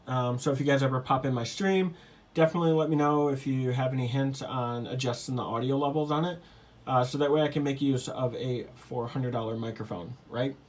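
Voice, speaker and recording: A man casually showing off his gaming setup on a handheld camera, talking in a loose, rambling way with lots of fillers and quick apologies. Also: mid-range voice. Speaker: gaming YouTuber and streamer. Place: home gaming room.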